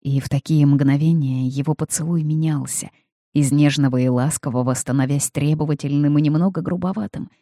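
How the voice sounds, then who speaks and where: A narrator reading a first-person novel as an audiobook in a calm, measured, soft manner. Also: mid-range voice, no room sound, studio quality.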